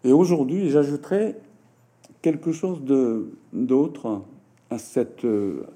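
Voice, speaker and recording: Speaking very slowly in a dark, mellow, medium-pitched voice, this man from Japan gives interview answers full of fillers and restarts. He is a writer and French teacher who speaks Japanese natively, and his delivery is halting throughout.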